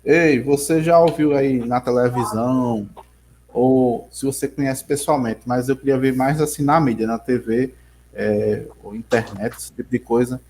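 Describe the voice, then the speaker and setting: This geography teacher speaks in an unhurried, steady mid-range voice with a darkish tone and a Rio Grande do Norte accent. Teaching online through his computer's mic on a video call, he rambles, keeps restarting what he's saying, and names the students he calls on.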